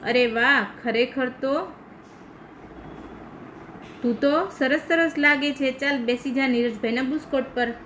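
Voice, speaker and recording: A grumpy storybook tailor who shoos people away, played by a woman. He talks slowly and gruffly, with his voice pitched somewhat higher and louder than the narration. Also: fairly even intonation, a little hiss or hum, low-quality recording. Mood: pleased. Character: grumpy man tailor, dismissive.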